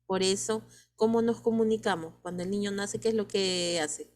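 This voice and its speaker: A woman's voice: medium pitch, fairly even intonation, normal speed, darkish tone. A woman teacher with a Peruvian Spanish accent, lecturing students and asking many rhetorical questions.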